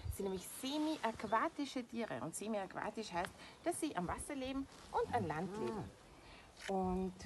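A young Austrian woman, an animal trainer and presenter, explains animals to children using simple words, like a kindergarten teacher would. Her voice is on the high side. She's outdoors in a small animal enclosure, where outdoor background noise and animal sounds come through clearly.

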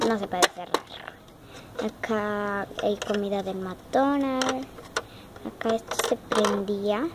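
A young girl from Argentina, with a mid-range voice and an Argentine Spanish accent, chats casually as she shows off her dollhouse, repeating words and using childlike diminutives. She was filmed indoors on a handheld phone camera in a home room with a wooden floor, and there's heavy background noise.

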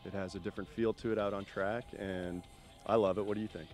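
A man race driver chatting casually outdoors at a track, relaxed and friendly. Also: fairly low pitch, quick pace, faint music behind. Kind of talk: casual chat.

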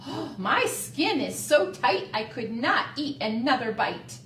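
A woman's voice: high voice, very animated, measured pace, fairly bright tone, slight background noise, exaggerated voice. Woman doing a sighing plump woodchuck. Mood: content. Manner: sighing, contented. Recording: roomy, distant mic.

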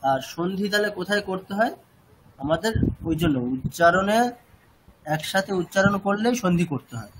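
A man's voice: sits high, expressive, normal speed, noisy background. A man with a West Bengal Bengali accent teaching Sanskrit chanting, asking rhetorical questions and repeating his points. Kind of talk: explaining lesson to students.

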